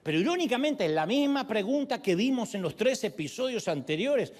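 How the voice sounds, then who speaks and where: A male pastor preaching a sermon, telling the story with animated storytelling and acting out the people he quotes. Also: high-pitched, fairly quick.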